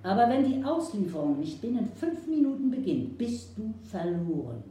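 A woman voicing a calm, firm male frontier hero who gives commands, recorded far from the mic in an echoey room. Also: mid-range voice, moderate pace, lightly acted. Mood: stern.

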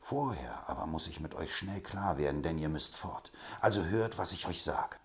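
A man reads out a storybook swindler with a deep voice that leaps around as he frets. He schemes and curses in short, urgent bursts, always on edge. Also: lively intonation, moderate pace. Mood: agitated. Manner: agitated, exclaiming. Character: scheming male swindler, middle-aged, excitable.

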